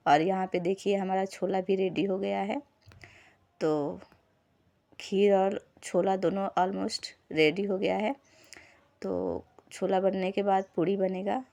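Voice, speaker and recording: Woman, vlogger voice-over, chatty step-by-step narration, flat even delivery, mellow tone. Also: mid-range voice, gravelly. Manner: chatty, explains each step to viewers. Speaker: lifestyle vlogger. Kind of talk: casual voice-over narration of cooking footage.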